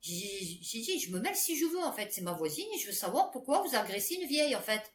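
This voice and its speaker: Woman vlogger, chatty and rambling, animated delivery, echoey room. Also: a little high, fast. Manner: chatty, many fillers and restarts. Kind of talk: casual rambling storytelling to camera. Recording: echoey room with faint background noise.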